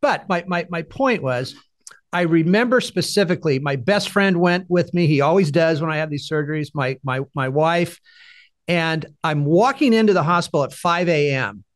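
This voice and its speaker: A man's voice: on the high side, moderate pace. Blunt, profane man host. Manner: blunt, profane, animated storytelling. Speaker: podcast host. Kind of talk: conversational podcast interview.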